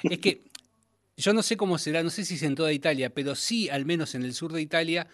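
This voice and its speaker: A man's voice: a little high, a little fast, a bit bright. A man, interviewing in a casual way and asking curious follow-up questions.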